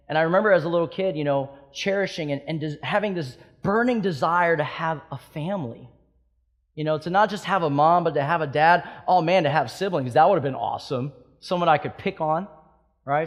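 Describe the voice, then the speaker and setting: A Hawaiian pastor in his thirties delivers a sermon, his fairly high voice moving quickly and swinging passionately between loud, emphatic peaks and soft, hushed passages.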